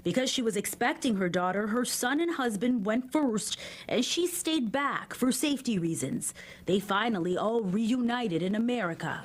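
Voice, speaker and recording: Woman reporter with a high, measured delivery. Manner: measured, even news delivery. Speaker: TV news reporter. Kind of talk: scripted news narration.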